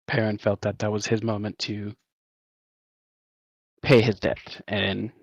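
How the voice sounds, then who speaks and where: A man's voice: lowish voice, level tone, slow pace, creaky, husky, no echo, muffled recording. Playful man in tabletop role-play. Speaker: player.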